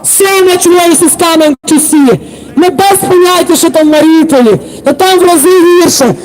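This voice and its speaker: A woman from Ukraine with a Ukrainian accent, giving an impassioned shouted speech at an outdoor street protest. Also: extremely high pitch, poor audio. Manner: impassioned, shouting slogans and appeals. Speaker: protest speaker. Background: faint crowd.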